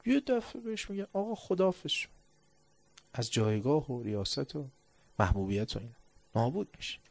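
A man preaching a sermon, telling a story and dropping to a low, hushed tone on reflective passages. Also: big pitch swings, vocal fry.

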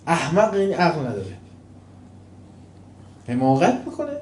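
A man preaching a sermon with told stories, swinging between loud mocking and quiet, calm storytelling. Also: a little high, a little hiss or hum. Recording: echoey room, faint ambience.

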